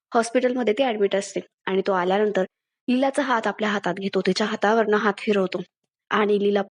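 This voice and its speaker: A woman reviewing a TV serial, retelling an episode's events at a steady pace. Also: medium pitch. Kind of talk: episode recap narration.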